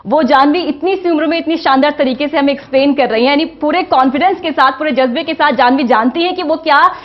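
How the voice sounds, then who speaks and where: A woman TV news interviewer with a high voice who speaks effusively and hums along with her guest. The sound is dull and lo-fi. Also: fast talker. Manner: effusive, praising, many listening hums. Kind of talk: TV interview presenting.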